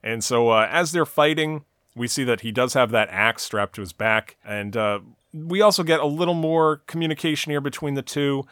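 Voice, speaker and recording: A man's voice: mid-range voice, animated, moderate pace, fairly bright tone, clear, resonant tone, no room sound. Man recapping a TV episode, dry close sound. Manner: narrates the plot at length, with frequent "uh" and "you know". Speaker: podcast co-host recapping a TV episode. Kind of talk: casual recap chat.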